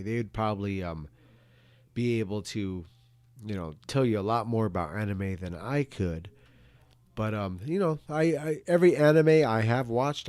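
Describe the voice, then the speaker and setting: A middle-aged man in a casual, rambling monologue as a video host, halting and repeating words, with some casual swearing. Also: fairly low pitch, darkish tone, no echo. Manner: casually foul-mouthed. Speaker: video host answering viewer questions.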